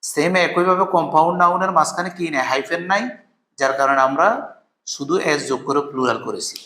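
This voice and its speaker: A man teaching English grammar in Bengali, reading the English example sentences slowly and asking questions that he answers himself. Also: a little high, pushed and bright. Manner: asks rhetorical questions, then answers them. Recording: echoey room.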